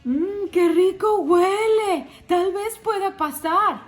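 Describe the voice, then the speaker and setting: A woman voicing a friendly badger in a storybook reading, slow and coaxing. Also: extremely high pitch, voice pushed up. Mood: eager. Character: friendly sniffing badger bringing sweet nuts. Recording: roomy with faint music.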